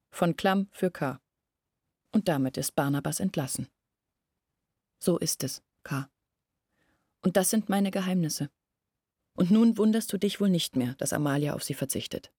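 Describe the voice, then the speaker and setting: Explaining hidden family matters in a radio play, a village woman speaks earnestly and deliberately, her husky voice low and darkish and sometimes close to a whisper. It's recorded very close and dry, without room sound.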